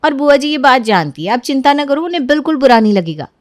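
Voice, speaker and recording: A woman's voice: high-pitched, very animated, quick pace, no room sound, clean studio sound. A woman voicing a cheerful young woman in a cartoon story, who talks lightly and easily. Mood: light, easygoing. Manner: light, easygoing, pleading. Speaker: Sonia, the niece.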